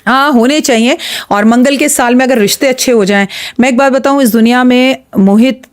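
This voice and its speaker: A woman's voice: sits high, a little fast, clean tone. A woman astrologer giving blunt, emphatic advice as a guest on a podcast interview. She often retells stories with quoted dialogue.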